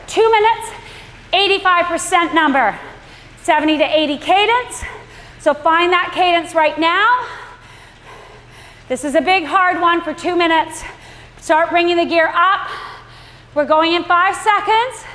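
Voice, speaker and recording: A woman's voice: extremely high pitch, a bit bright. A middle-aged woman coaching a live indoor workout while cycling hard, urging riders on in short, effortful phrases. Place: indoor room with large windows, on a stationary bike. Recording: echoey room, clear background noise.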